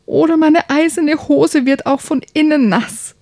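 A woman's voice: sits high, unhurried, a little mellow, no echo, studio quality, voice pushed up. A woman voicing a small boy prince in a read-aloud children's story, pleading that he needs the toilet. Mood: urgent whining. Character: whiny little boy prince desperate to pee.

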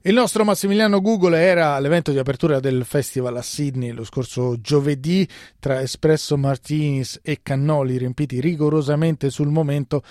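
A man presenting a radio program in from a studio, reading in a measured, scripted way. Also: on the high side, darkish tone, no room sound. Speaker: radio host. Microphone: studio mic.

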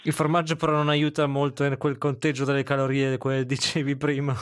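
A man's voice: mid-range voice, completely flat delivery, fairly quick, clear, resonant tone, dry recording, clean studio sound. A man with a non-Sicilian Italian accent, hosting a podcast with narration and interview questions. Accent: Italian, not Sicilian. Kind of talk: scripted narration and conversational interviewing.

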